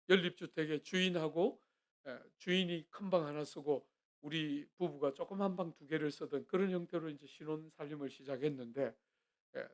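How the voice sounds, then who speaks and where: A middle-aged man, a guest pastor, preaching a sermon in a church, earnest and swinging between quiet and loud. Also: fairly high pitch. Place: church sanctuary.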